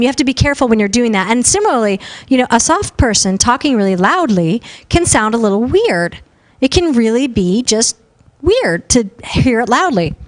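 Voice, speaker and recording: A young woman giving a casual live talk at a conference, loud and talkative, with lots of fillers. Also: fairly high pitch. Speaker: conference speaker on podcasting. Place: conference room with a live audience.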